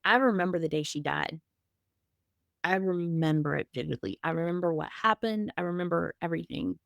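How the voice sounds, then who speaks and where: A woman's voice: fairly low pitch, fairly quick, creaky, fairly bright tone, no echo. A middle-aged woman on a podcast, telling her story in a candid, emotional way, with many restarts and fillers. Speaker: podcast guest sharing her grief story. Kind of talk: casual conversational storytelling.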